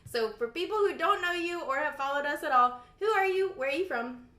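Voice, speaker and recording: A woman's voice: high-pitched, lively intonation, a little fast, bright, forceful tone. Young female host with a playful, teasing manner, casual chat in an echoey room. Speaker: interviewer and channel host.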